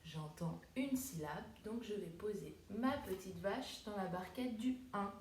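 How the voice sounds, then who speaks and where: A woman preschool teacher giving a home video lesson to young children, slow and gentle, sounding out words syllable by syllable, recorded on a tablet at home in the countryside. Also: mid-range voice, animated, recorded from a distance, noisy background. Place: countryside home, flies around. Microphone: tablet camera. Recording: roomy tablet recording with faint ambience.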